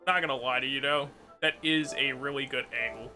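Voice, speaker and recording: A man's voice: mid-range voice, steady tone, brisk, pushed and bright. A man livestreaming a video game, chatting casually and reacting aloud in informal, slangy talk. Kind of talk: casual chatty stream commentary. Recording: faint game music behind.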